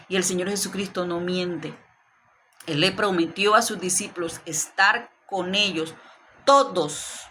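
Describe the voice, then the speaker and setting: Bright-voiced woman preacher. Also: medium pitch, a little hiss or hum. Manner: earnest, addresses listener directly. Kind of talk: Bible study sermon.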